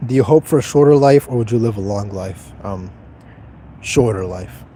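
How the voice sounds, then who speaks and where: A young man in his twenties with a dark, mellow voice talks casually on a livestream. He answers viewers in a blunt, offhand way and swears freely. A faint hum of noise sits behind him. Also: fairly low pitch, moderate pace. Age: 20s. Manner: blunt, profane, detached and offhand. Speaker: livestreamer reading chat.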